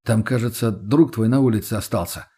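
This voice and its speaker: Earnest cautious young man, played by a male narrator, husky, hesitant. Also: fairly low pitch, brisk, mellow. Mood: uneasy.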